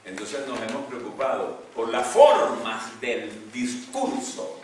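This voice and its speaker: An older man, a pastor, preaching a sermon with animated swings between loud outbursts and hushed asides. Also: mid-range voice, slow pace. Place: church sanctuary. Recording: echoey church from a distance, noisy.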